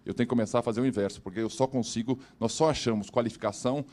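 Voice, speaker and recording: A man's voice: medium pitch, steady tone, very fast, a little mellow. A man speaking as a business leader at a corporate panel, in a direct and emphatic way.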